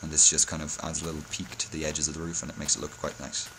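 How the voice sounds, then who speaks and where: Background noise runs under this fast-talking man's rumbling, monotone low voice. He's a hungover video tutorial host giving a relaxed game-building lesson, halting often and fixing his own words.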